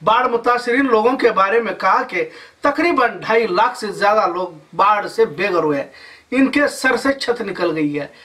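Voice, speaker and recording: A man's voice: sits high, expressive, moderate pace, sharp tone, recorded from a distance. A man in his thirties reading a news report as anchor, with formal Urdu-flavored delivery in a studio.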